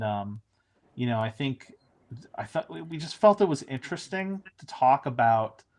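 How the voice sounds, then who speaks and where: A man's voice: mid-range voice, a little mellow. A man, a showrunner, chatting casually in an interview, rambling with frequent restarts and fillers.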